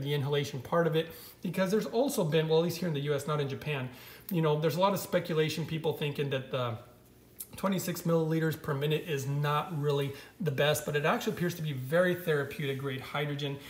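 A man's voice: fairly high pitch, echoey room. A man talking off camera as a vlogger, enthusiastically walking viewers through images on a screen and calling them "guys.".

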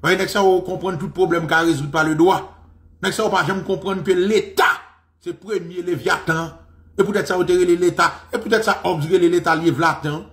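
A man with a Haitian accent giving an impassioned solo commentary, animated and mocking, with sudden loud outbursts. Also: high voice, a little fast, echoey room. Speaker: political commentator.

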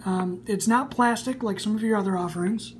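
Talking fairly fast in a high voice, a twenty-something snus reviewer gives a casual, excited product review. It's recorded on a camera inside a small room, where a faint hum can be heard.

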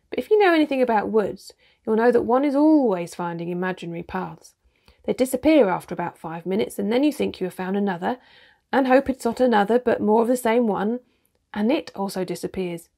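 A woman reading a children's storybook aloud, with steady, expressive narration. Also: fairly high pitch, brisk. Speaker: reader.

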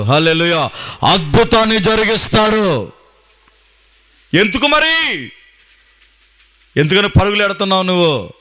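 Gravelly man preaching a scolding sermon. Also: on the high side, a bit bright. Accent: Andhra Telugu. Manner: scolding, preachy storytelling with rhetorical questions. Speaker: pastor. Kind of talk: Sunday sermon.

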